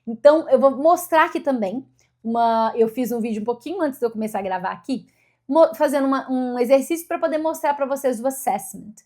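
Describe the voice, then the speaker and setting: Woman vlogger, fairly high pitch, upbeat and chatty, restarts her sentences often. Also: brisk, a little mellow. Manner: chatty, self-correcting, upbeat. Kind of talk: casual vlog talk to camera.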